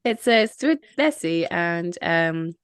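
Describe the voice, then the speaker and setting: Lively woman retelling a film, dry sound. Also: fairly low pitch, unhurried, clear, resonant tone, dry recording. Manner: animated storytelling, acting out film characters, laughing often. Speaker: podcast host. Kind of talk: casual chat.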